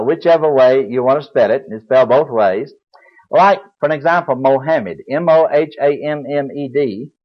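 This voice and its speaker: An older man preaching a Bible lecture, explaining in a folksy way and spelling words aloud. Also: mid-range voice. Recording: dull lo-fi recording.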